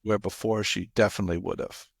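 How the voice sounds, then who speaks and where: A man's voice: fairly low pitch, steady tone, quick pace, vocal fry, dry recording, studio quality. A man hosting a podcast, explaining and telling stories in casual conversation. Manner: storytelling, explanatory. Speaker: podcast host.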